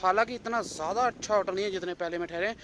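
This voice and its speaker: Young man, travel vlogger, excited chatty talk, sore throat, higher voice, faint outdoor noise. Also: very fast. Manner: chatty, excited, laughs often. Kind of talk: casual travel vlog narration. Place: outdoors on a hill station trip.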